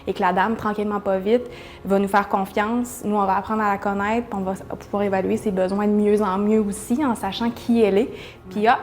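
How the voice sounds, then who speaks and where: A woman's voice: mid-range voice, flat delivery, fairly quick, a little mellow. A woman with a Québécois accent who works at a shelter, answering interview questions in an earnest way. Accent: Québécois French. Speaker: shelter worker.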